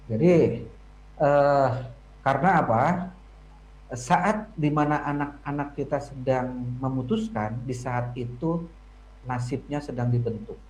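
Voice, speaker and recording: A man's voice: medium pitch, slow pace, pauses often, darkish tone, echoey room, a little hiss or hum, rough recording. A man speaking as a family psychology guest on a radio talk show, explaining points and acting out children's lines.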